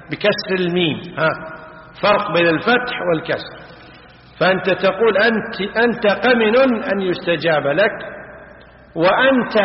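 A high-voiced man teaches grammar, drilling example forms and putting questions to his students. The recording is dull and lo-fi. His voice rings through a big echoey hall. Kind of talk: classical Arabic grammar lesson.

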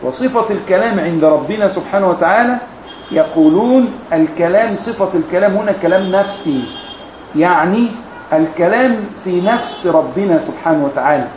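A man teaches a religious lesson, his voice sitting a little high for a man. He lays out each point with careful, measured explanation. The recording is roomy and echoey, with faint ambient noise underneath. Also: animated, a little mellow. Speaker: sheikh teaching a women's study course.

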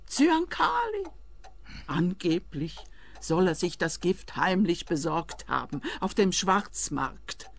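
An actress playing a grieving, insistent mother of nearly eighty in a radio play, speaking with halting emphasis. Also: lowish voice, sing-song, gravelly, full character voice. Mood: bitter, suspicious. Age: 70s. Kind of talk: scripted radio play acting.

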